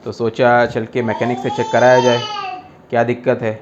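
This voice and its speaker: A man's voice: medium pitch, completely flat delivery, moderate pace, highs cut off. Casual male vlogger, friendly and chatty, noisy outdoor sound. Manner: playful, loud and coaxing with his child. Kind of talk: casual vlog talk.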